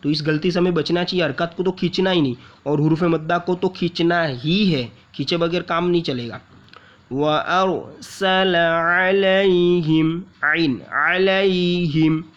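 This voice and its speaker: A man teaching Quran recitation, explaining pronunciation rules patiently and repeating syllables slowly to demonstrate them. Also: a little high. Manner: patient, repeats syllables and drags out long vowels while demonstrating. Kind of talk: explaining tajweed rules step by step. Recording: muffled lo-fi audio.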